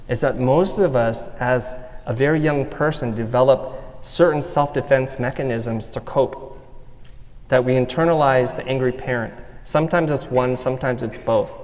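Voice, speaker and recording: A man's voice: mid-range voice, moderate pace, a little mellow. Earnest man speaking in a reverberant hall. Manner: earnest, personal, guiding the audience through an exercise. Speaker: speaker giving a talk. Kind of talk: motivational talk. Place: stage.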